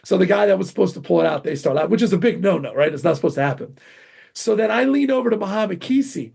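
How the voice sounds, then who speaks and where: A middle-aged man, a martial arts grandmaster, telling animated stories in an interview, acting out quotes with sudden jumps in pitch. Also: fast, creaky, husky. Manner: excitable, acts out quotes with big pitch jumps.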